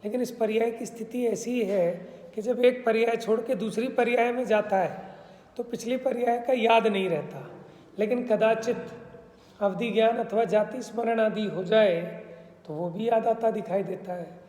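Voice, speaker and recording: A man's voice: high voice, fairly even intonation, normal speed, darkish tone. A man giving a religious discourse, explaining patiently and often checking that listeners understand. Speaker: spiritual teacher. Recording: reverberant hall sound.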